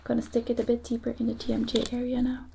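A young woman acting out a reassuring medic in an ASMR ASMR role-play. Her soft voice is high and creaky, slipping into speaks softly as she repeats little phrases to a patient. There is clear noise in the close recording. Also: monotone, quick pace. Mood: soothing, businesslike. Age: young adult. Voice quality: soft, breathy, often soft-spoken. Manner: murmured, repetitive, reassuring patter. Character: brisk, reassuring female medic doing procedures on a patient. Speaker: ASMR performer. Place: small indoor room. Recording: noisy close recording with clicking.

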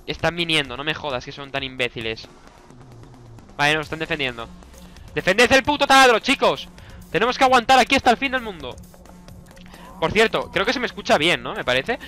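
High-pitched excitable Spanish gamer. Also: male voice, brisk, long pauses, soft background music. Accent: Spanish from Spain. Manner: excitable, swears constantly, shouts orders at teammates. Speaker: gaming YouTuber. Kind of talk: let's play commentary.

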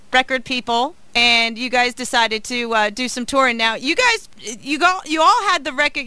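A woman radio host chatting with a band in the studio. Her voice sits high and clear, with a smooth, bright ring and a dry, close sound. She talks in a friendly, rambling way, full of small fillers. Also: dry recording. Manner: chatty, upbeat, many fillers. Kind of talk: casual radio interview.

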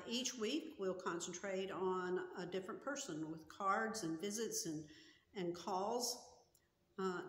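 An older woman pastor in her sixties delivers a sermon in a slow, measured way. Her voice rings through a small church sanctuary with a long, hall-like reverb, picked up by a camera set just in front of her. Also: medium pitch. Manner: slow, earnest and measured, with gestures. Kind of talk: sermon and prayer. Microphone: camera in front at chest height.

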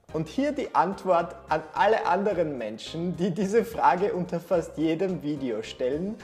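A man, talking to camera on a lapel mic in a small bright room, sarcastic and theatrically exasperated. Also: a little high. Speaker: YouTuber. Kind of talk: casual vlog talk to camera.

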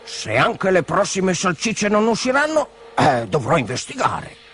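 A man voicing an excitable, grumpy middle-aged butcher in a storybook reading, quick to anger and shouting insults. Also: sits high, a little hiss or hum, pitched above the performer's own voice, exaggerated voice. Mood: suspicious. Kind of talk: storybook character voice.

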